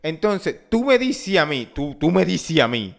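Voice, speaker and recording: A man with a Dominican accent and a somewhat high voice co-hosts a casual podcast. He tells stories in slangy speech, repeating himself and breaking off to restart his phrases. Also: very animated, measured pace, creaky. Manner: slangy, repetitive, self-interrupting. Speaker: podcast co-host. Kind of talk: casual chat, animated anecdote telling.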